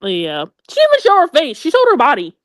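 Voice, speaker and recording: A young woman with a high, lively voice that swoops all over as she tells gossip to her friends. Her delivery is animated and loose, thick with slang and quick asides. The sound is close and dry, with no room around it. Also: dry recording. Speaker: storyteller among friends. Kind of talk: casual chat.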